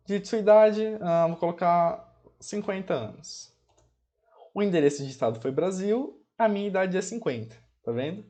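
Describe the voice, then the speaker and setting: With a mellow voice that sits high, a programming teacher with a Brazilian Portuguese accent chats through a casual screencast tutorial. Commands get spelled out slowly as he types them, and he checks in constantly with "ok?" and "pessoal", favoring diminutives.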